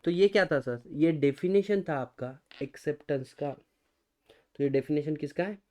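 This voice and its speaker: Indian male law tutor, a bit high-pitched, repetitive question-and-answer lecturing. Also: moderate pace, a little mellow. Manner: quizzes students with repeated rhetorical questions; mixes Hindi and English, addresses students as guys. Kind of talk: recorded exam-prep lecture.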